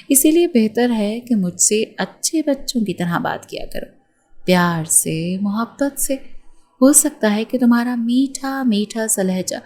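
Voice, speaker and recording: A woman's voice: medium pitch, a little mellow, lightly acted. Storybook read-aloud: a woman putting on a cocky wealthy young man, mocking and menacing.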